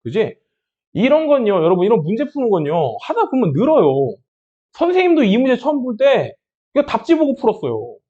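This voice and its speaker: A man's voice: very high voice, huge pitch swings, brisk, dark tone, highs cut off. A man teaching math who breaks into an impassioned pep talk, scolding and encouraging his students with rhetorical questions.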